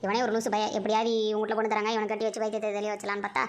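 A woman's voice: mid-range voice, completely flat delivery, rapid-fire, a little mellow, natural voice. A woman playing a bossy, quarrelsome grandmother who scolds the family in a comedy skit. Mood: scolding.

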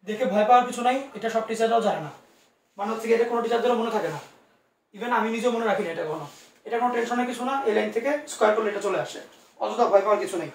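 A man teaching physics in an online class talks fast, coaxing answers from his students and reassuring them, with plenty of asides. His high, gravelly voice comes from a little distance, sitting back from the mic in an echoey room with slight background noise.

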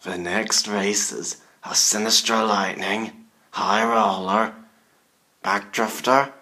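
A man's voice: on the low side, fairly even intonation, slow pace, sharp tone. A man commentating a toy car race in a put-on scary Halloween voice, calling out bursts at each start.

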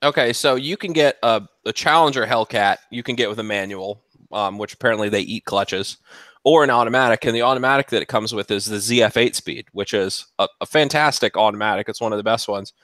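A man's voice: fairly low pitch, fairly quick, fairly bright tone, no room sound. A man, a mechanic, talking cars in a casual chat and laughing often. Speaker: mechanic, guest.

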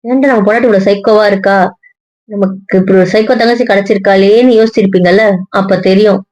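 A woman teasing her family in casual banter, sharp-tongued and mocking. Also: medium pitch, fairly even intonation, fast talker, dry recording. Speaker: wife in a family skit.

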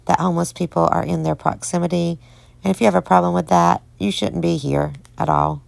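A woman's voice: fairly low pitch, creaky, a little mellow, dry recording, poor audio. A woman casually vlogging with an upbeat, recommending manner, talking outdoors on a city street. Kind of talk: casual voice-over vlog.

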